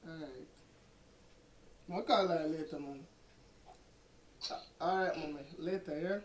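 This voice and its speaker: A man's voice: a little high, slow pace, a little hiss or hum. A young man with a Jamaican accent, talking casually on a phone call and pleading and coaxing in turns. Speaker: prank vlogger. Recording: roomy echo.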